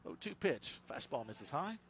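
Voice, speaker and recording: A male baseball play-by-play announcer with a creaky, mid-range voice calls the game at a normal speed over a faint outdoor hum. He's upbeat and lively, rising sharply on big plays, and he chats and laughs with his partner.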